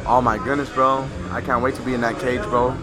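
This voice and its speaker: A man's voice: mid-range voice, flat delivery, a little fast, over loud music. A young man chatting casually in a frat bro manner, telling stories with slangy, filler-heavy talk peppered with "bro". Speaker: amateur fighter in training. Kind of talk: casual chat, animated storytelling.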